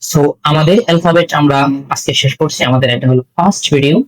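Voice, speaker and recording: A man with a Bangladeshi accent teaching a spoken English lesson, slowly repeating letters and sounds for learners. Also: fairly high pitch, steady tone, low-quality recording.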